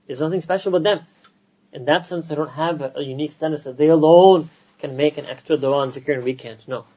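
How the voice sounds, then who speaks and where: An American man, a scholar, giving a conversational religious lecture to a gathering with quick joking asides. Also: on the high side, dark tone, rough recording. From United States.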